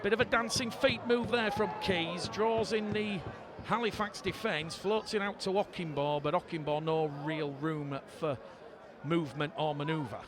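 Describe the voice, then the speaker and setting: A man giving live rugby league commentary, calling the play and rising to excited shouts when points are scored. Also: sits high, normal speed. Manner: rises to excited shouting on scoring plays. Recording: loud crowd and stadium noise. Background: crowd noise.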